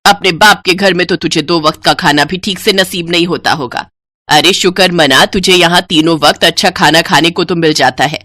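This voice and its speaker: A woman's voice: deep voice, lively intonation, moderate pace, sharp tone, no echo, studio quality, pitched below the performer's own voice, full character voice. A woman voicing a harsh, bossy older mother-in-law who scolds with contempt. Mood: scornful.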